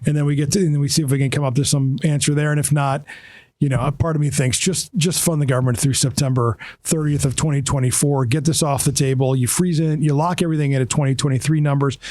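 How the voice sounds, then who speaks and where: A man's voice: fairly high pitch, fairly even intonation, fast talker, a little mellow, dry recording. A man with a New York–Boston accent hosting a podcast, chatting casually with frequent fillers and repeated words. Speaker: podcast host. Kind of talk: casual political chat.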